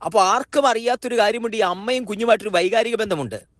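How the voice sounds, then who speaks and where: A man's voice: sits high, fast, fairly bright tone, no echo, clean studio sound. A man giving a devotional morning sermon, repeating and restating his phrases with small slips and corrections. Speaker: preacher.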